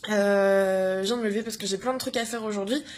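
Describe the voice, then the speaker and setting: A young woman short on sleep giving an energetic morning vlog pep talk, full of hesitations and bursts of cheering. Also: mid-range voice, a little fast, slight background noise. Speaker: vlogger.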